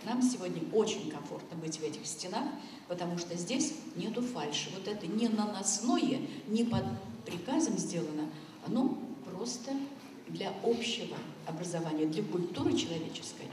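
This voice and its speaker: At an indoor school commemoration, a woman from Chuvashia, Russia, speaks to the audience with a lowish, slightly mellow voice, lively intonation and moderate pace. Her informal, heartfelt remarks wander from thought to thought and speak directly to listeners. The recording, made from a distance in a very echoey hall, carries faint noise.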